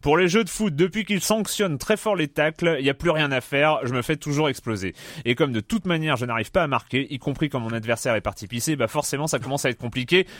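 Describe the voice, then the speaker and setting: Enthusiastic podcast host, dry sound. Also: male voice, a little high, fast, few pauses, fairly bright tone, no echo. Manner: enthusiastic, reads listener mail aloud. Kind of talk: casual chat.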